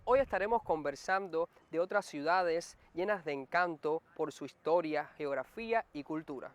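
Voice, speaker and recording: A man with a Cuban Spanish accent, hosting an educational program in a measured, announcing delivery. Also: on the high side, lively intonation, dull audio, soft background music. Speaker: program host. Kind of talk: scripted presenting.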